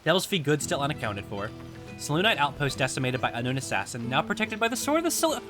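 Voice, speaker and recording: A man streaming a game live, chatty and excitable, swearing and reacting out loud. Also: on the high side, quick pace. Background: game music.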